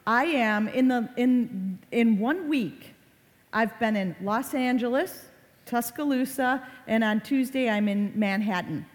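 Brief: woman in her forties, child safety presenter, chatty and animated with a slightly high voice, recorded in a hall with long reverb. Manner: lively, conversational, acts out quoted family exchanges. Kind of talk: live presentation to parents and kids.

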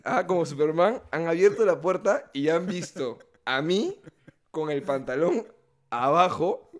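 A man's voice: fairly high pitch, measured pace. A young man, co-hosting a casual comedy podcast and telling stories with lots of swearing and acted-out voices. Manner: animated storytelling, swearing, acting out voices. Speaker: podcast co-host.

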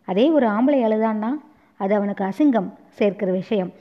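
A woman voicing a gentle grown man who patiently consoles a weeping woman, speaking softly and soothingly. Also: mid-range voice, moderate pace, close to an everyday voice. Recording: dull lo-fi recording.

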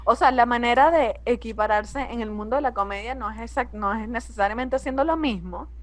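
A young woman comedian with a Venezuelan accent, talking casually and bluntly, swearing freely in a relaxed conversation. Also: a little high. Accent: Venezuelan Spanish. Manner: blunt and profane, quick asides.

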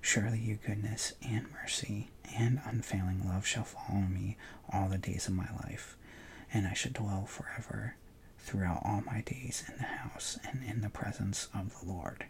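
A man leading a guided contemplative prayer session, talking softly in a hushed whisper with long pauses and relaxed, informal asides. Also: lowish voice, creaky, slight background noise. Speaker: prayer leader.

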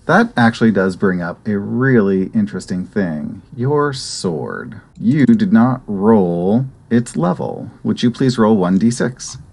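A man running a tabletop role-playing game as game master, narrating in a calm, matter-of-fact way. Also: on the low side, unhurried, gravelly, few pauses.

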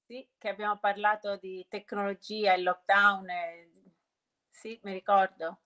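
Female interview guest, medium pitch, halting and rephrasing as she explains, peppering answers with English jargon. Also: little pitch movement, pushed and bright. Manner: hesitant, often restarting and rephrasing mid-sentence; mixes English business terms into Italian. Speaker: interview guest, sustainability entrepreneur.

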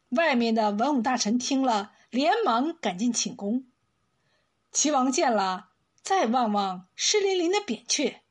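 A high-voiced woman reads an old folk tale aloud. Her voice is soft and breathy. She takes her time over every line, in a slow, deliberate storybook manner. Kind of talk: scripted narration of a folk tale.

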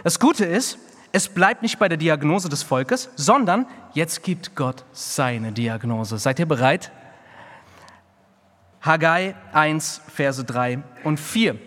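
A man's voice: fairly high pitch, lively intonation, slow pace. Emphatic male preacher in a reverberant hall. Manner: emphatic, dramatic shifts between quiet and loud, acting out the people's excuses. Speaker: pastor. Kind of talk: sermon. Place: church hall. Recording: long reverb of a church hall.

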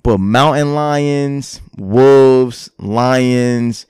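A man in casual podcast chat, animated and slangy, swearing and often tacking "son" onto his lines. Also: medium pitch, very slow, smooth, dry recording, studio quality.

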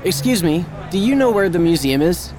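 A man's voice: sits high, sing-song, moderate pace. A man playing a polite lost tourist. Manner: polite, clear textbook delivery. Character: lost young man asking for directions.

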